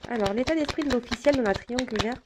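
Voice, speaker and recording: A woman's voice: a little high, fast, noisy background. Hesitant woman giving a tarot reading. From France. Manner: hesitant, many fillers and restarts. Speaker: tarot reader. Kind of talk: casual tarot reading to viewers.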